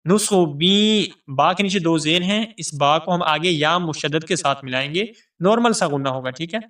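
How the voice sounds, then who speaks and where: A man teaching tajweed, chanting verses slowly and melodically and explaining the rules quickly and plainly. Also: a little high, fairly bright tone, distant mic. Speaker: Quran recitation teacher. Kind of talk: tajweed lesson with recitation.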